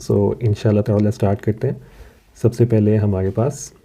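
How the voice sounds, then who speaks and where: A man teaching a recorded Quran reading lesson, explaining calmly and patiently and stretching out syllables slowly when he models the words. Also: lowish voice.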